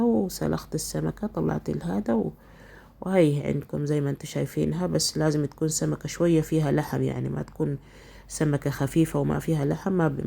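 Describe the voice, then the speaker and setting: A woman's voice: low voice, dark tone. A woman with a stuffy, congested nose from a cold, chattily explaining home cooking step by step in a casual way. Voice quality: nasal, congested, husky. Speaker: cooking vlogger, host.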